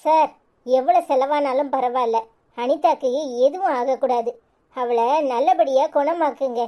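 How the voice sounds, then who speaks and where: A woman voicing a calm elder sister who soothes and reassures in a lowered voice, with a Tirunelveli Tamil accent. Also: measured pace. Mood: reassuring.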